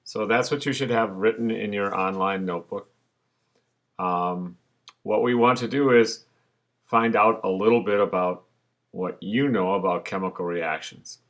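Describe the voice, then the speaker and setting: A man's voice: lowish voice, unhurried, fairly bright tone. A male science teacher giving a recorded online lesson over slides, explaining patiently with frequent fillers.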